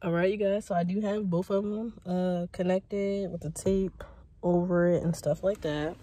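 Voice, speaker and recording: In and around a parked car, a young adult American vlogger holds her phone and chats about a DIY project, thinking things through aloud. Her lowish, warm voice stays fairly even at a moderate pace, with a little hiss or hum underneath.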